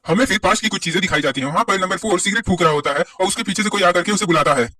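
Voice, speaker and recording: Male comic recap narrator, very fast, high voice, dry and distant mic. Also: bright, forceful tone, no echo. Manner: rapid, storytelling, retelling each line.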